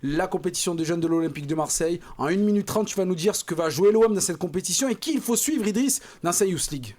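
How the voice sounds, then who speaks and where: A man's voice: sits high, expressive, a little mellow. A man hosting a casual football panel chat, moderating and handing over to guests. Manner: quick, chatty moderator. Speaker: host.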